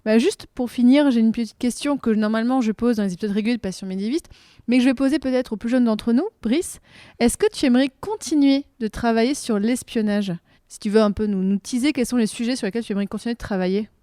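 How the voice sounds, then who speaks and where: A woman's voice: fairly high pitch, dark tone, no echo, studio quality. A woman hosting a podcast, asking guests questions in a casual, joking way. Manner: quick, joking interjections. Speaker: podcast host. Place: research institute room.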